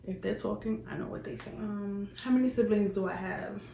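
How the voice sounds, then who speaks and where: Speaking a little fast in a mid-range, creaky voice with a dark tone, a young Queens, New York woman answers viewer questions in a casual vlog. There's roomy echo and faint background noise.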